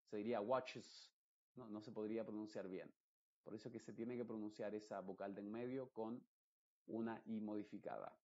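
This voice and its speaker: A man, teaching English pronunciation in an explanatory lesson and repeating example words slowly and carefully. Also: fairly low pitch, steady tone, mellow. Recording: dull lo-fi recording.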